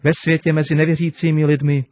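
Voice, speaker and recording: A man preaching to children, telling a story gently and expressively. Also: fairly high pitch, little pitch movement.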